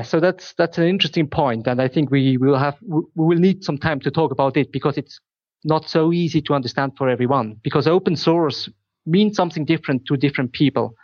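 A man from Switzerland, native in Swiss German, answering technical questions in English with a slightly higher voice than most men. His audio is dull and lo-fi, with almost no room sound. He chooses his words carefully and repeats himself as he thinks. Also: a little mellow, dry recording. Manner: careful, repeats words while searching for phrasing. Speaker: company founder, guest.

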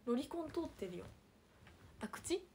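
A young woman livestreaming, chatting casually and reading viewer comments, with a hint of Hiroshima dialect and soft murmured asides. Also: high voice, big pitch swings, quick pace, a little hiss or hum. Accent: picking up Hiroshima dialect. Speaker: idol livestreamer.

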